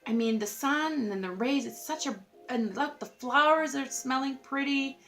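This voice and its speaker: A woman with a fairly high voice giving a casual tarot reading straight to camera. She talks in an effusive, rambling way, leans on "like" constantly and laughs at her own asides. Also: moderate pace, a bit bright. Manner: chatty and effusive, lots of "like", laughs at herself. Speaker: tarot reader.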